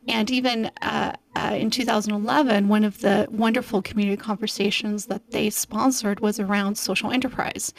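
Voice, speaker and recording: Woman on a local radio talk show, earnest, goes on at length with lots of um and uh, mid-pitched voice. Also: low-quality recording. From Portugal. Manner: earnest, explains at length with many fillers. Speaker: guest, nonprofit program coordinator. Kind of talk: radio interview.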